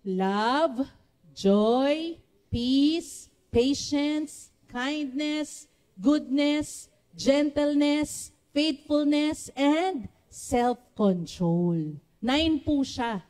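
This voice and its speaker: A woman with a Filipino accent preaching a sermon to a church congregation, with a naturally loud voice, often calling on the congregation to respond. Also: high-pitched, very slow. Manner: switches between Tagalog and English, asks the congregation for responses.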